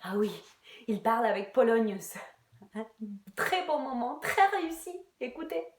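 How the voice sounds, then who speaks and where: A woman's voice: on the high side, very animated, a little slow, roomy sound. An actress playing a heartbroken, bitter Irish woman in a theatre monologue, crude and sardonic, sometimes dropping to a whisper. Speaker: actress in a one-woman show.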